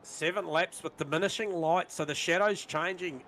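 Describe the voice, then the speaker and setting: Male race commentator, slightly higher voice, quick lap-time calls, energetic at overtakes. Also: slight background noise. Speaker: sim racing commentator.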